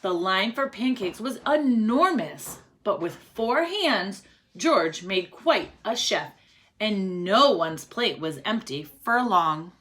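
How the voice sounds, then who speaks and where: A woman's voice: medium pitch, big pitch swings, takes it slowly, a bit bright, a little hiss or hum. A woman reading a story aloud to young children, expressively, often prompting them with questions and counting along. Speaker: teacher reading a picture book aloud to children.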